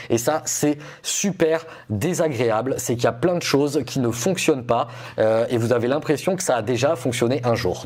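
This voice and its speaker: A man's voice: medium pitch, a little mellow. A man explaining and reviewing gadgets to his viewers in a casual, explanatory way. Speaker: tech reviewer presenting a video test.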